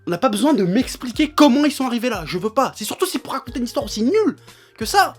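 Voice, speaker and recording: A man's voice: very high-pitched, big pitch swings, fast, breathy edge, soft background music. A young man ranting like a raging gamer in an irate, exasperated, sweary video commentary. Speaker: anime episode reviewer.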